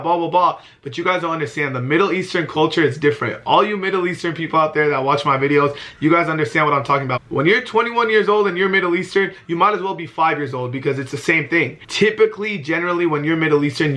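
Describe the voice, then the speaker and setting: Young man in his twenties, vlogger, bright forceful voice, slightly high, heartfelt and emphatic. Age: 20s. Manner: heartfelt, emphatic, repeats himself when emotional. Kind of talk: earnest talk to camera.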